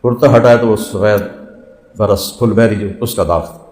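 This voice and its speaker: A man's voice: on the low side, fairly even intonation, a little mellow. A man delivering a storytelling sermon with dramatic delivery, voicing the characters himself. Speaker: preacher. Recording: reverberant hall echo.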